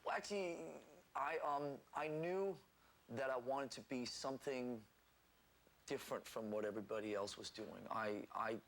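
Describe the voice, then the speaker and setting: Rambling Danish-born man, mid-range voice, relaxed interview guest, stumbles and laughs at himself. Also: medium pitch, normal speed, rough recording. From Denmark. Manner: chatty, self-deprecating, many restarts and fillers. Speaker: interview guest, rock drummer. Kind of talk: casual interview talk.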